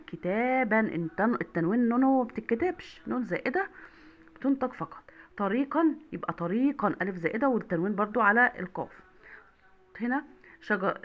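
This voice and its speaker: A young woman with an Egyptian accent teaching an online Arabic lesson to primary school children, repeating words slowly and clearly. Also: mid-range voice.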